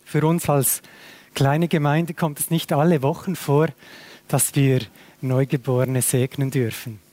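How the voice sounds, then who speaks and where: A man's voice: on the high side, little pitch movement, a little slow, darkish tone. A man preaching a sermon to a small church, conversational and full of questions. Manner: conversational, asks many questions. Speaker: pastor.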